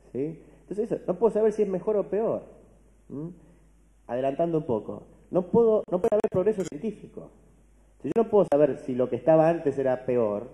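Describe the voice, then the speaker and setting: An Argentine man with a very dark, mellow, slightly high voice lectures on philosophy to a large audience in Argentine Spanish. He speaks loosely, tagging points with "¿no?" and restarting words, while a long big-hall reverb trails each phrase.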